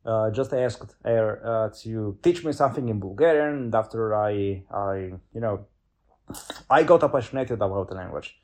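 A young Italian man, a polyglot guest on an interview, speaks English as a second language in a casual chat, with lots of fillers and restarts. His voice is fairly low and his pace is normal.

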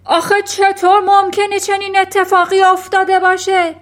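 A woman voicing a vain, hot-tempered middle-aged father who shouts in panic. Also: very high voice, monotone, voice pushed up. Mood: shouting panicked.

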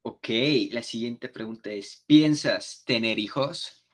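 A man's voice: mid-range voice, slow pace. A man with a Mexico City accent hosting a podcast in laid-back, slangy chat. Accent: Mexico City Spanish. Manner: laid-back, slangy, peppers speech with "güey". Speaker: podcast host. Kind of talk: casual chat.

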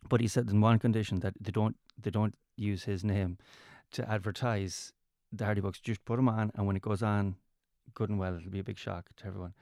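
A creaky, lowish, darkish voice with a steady tone belongs to this interview guest, a comedian from County Mayo. Recorded dry in studio quality, he tells stories casually in a west of Ireland accent, frequently halting and starting his phrases over.

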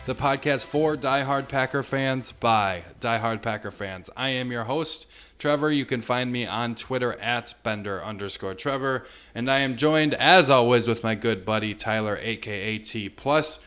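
A man's voice: medium pitch, moderate pace, a bit bright, clean tone, soft background music. A man hosting a casual sports podcast. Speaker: podcast host.

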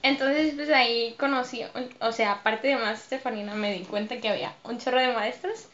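A woman with a Mexican accent, a dancer and choreographer, telling stories as a podcast guest in a lively way, laughing often. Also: fairly high pitch, brisk, muffled recording. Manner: lively, laughs often, acts out her own past remarks. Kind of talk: casual interview storytelling.

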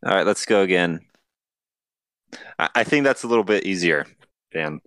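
A man's voice: deep voice, expressive, normal speed, fairly bright tone, no room sound. A man on a casual podcast who runs a word game, playful and laughing, with hesitant fillers. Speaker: guest running a word game.

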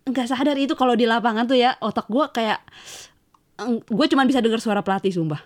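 A young woman in casual conversation, lively and teasing, laughing as she talks about playing on her team. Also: a little high, brisk. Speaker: guest, futsal player. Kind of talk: casual chat.

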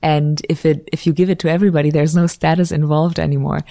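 A Swiss woman, a guest researcher in a conversational interview, explains ideas thoughtfully and academically, often correcting herself mid-sentence. Her voice is low-pitched, level, fast, and mellow, captured in clean studio sound with no echo.

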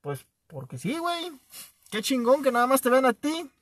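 A man's voice: very high voice, big pitch swings, moderate pace, fairly bright tone, dry recording, studio quality. A young man with a Mexican Spanish accent, hosting a podcast with casual teasing and swearing. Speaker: podcast host. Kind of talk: casual banter.

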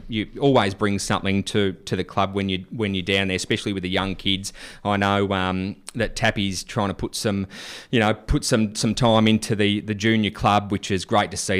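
Aussie bloke co-hosting radio, low smooth voice, matey and casual. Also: male voice, fairly bright tone. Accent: Australian. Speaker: radio co-host.

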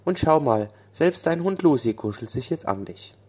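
Little female fairy, kind, gentle, soothing bedtime tone, mellow, as a male reader puts her on. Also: a little high, animated, normal speed, voice pushed up.

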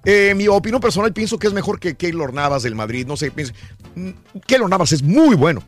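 A man's voice: high voice, very animated, fairly quick, faint music behind. A man hosting a casual sports radio show, chatting and greeting listeners.

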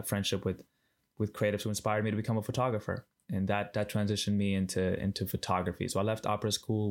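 A man's voice: on the low side, a little mellow. A man from Ecuador in his thirties, a podcast guest chatting casually, full of fillers and restarts. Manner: hesitant, many fillers and restarts. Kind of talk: casual interview chat.

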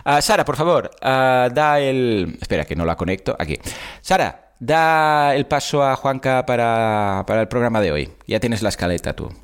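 A man's voice: medium pitch, animated, normal speed, smooth. A man hosting a live podcast in a playful, jokey way. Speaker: podcast host. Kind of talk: casual live podcast chat.

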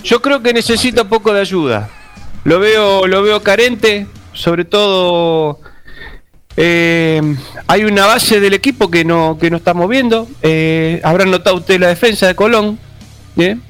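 A man's voice: sits high, unhurried, a bit bright, clean tone, soft background music. A man, arguing his point emphatically as a pundit on a comic football panel and repeating himself. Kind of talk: heated comic panel debate.

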